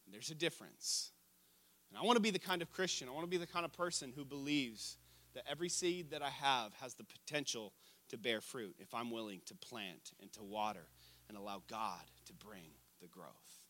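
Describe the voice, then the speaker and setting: A man preaching a sermon, animated and asking the congregation questions as he tells a family story. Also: medium pitch, brisk. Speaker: pastor.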